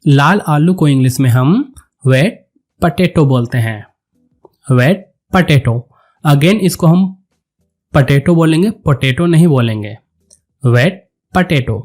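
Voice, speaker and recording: A man teaching a vocabulary lesson, saying each word and then repeating it slowly and deliberately. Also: a little high, a little mellow. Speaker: English teacher.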